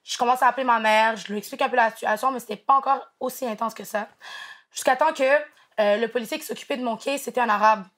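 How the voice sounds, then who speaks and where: A woman's voice: a little high, quick pace, fairly bright tone. A young woman from Montreal, telling a story casually and animatedly, mixing in English slang. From Montreal, Canada. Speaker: guest storyteller.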